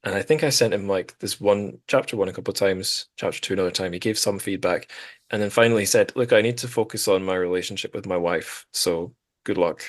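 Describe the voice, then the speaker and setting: A low-pitched podcast host talks quickly, chatting casually about literature in a rambling way and poking fun at himself.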